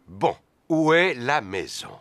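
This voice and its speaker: A man's voice: mid-range voice, sing-song, slow pace, a bit bright, exaggerated voice. A man voicing a cheerful, overconfident daddy pig in a French cartoon dub, breezy and reassuring. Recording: music behind the voice.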